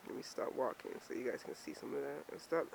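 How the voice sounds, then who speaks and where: A woman's voice: a bass voice, expressive, quick pace, vocal fry. A chatty woman from Maryland vlogs to a handheld camera as she trudges along a snowy street. She rambles in a self-mocking way and sounds a little out of breath. Faint traffic hums behind her. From Maryland, USA. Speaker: vlogger. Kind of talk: casual walking vlog. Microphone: handheld camera while walking.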